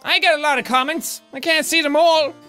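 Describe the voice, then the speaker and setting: A young man reading out and answering viewer comments in a casual vlog, talking loudly and playfully. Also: extremely high pitch, a little fast, soft background music. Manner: loud, energetic, playful.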